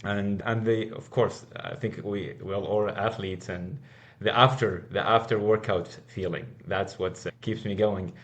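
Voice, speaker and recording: Man, podcast guest, earnest, lowish voice, restarts and repeats himself. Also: fairly even intonation, a little slow. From Iraq. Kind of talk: casual interview answers.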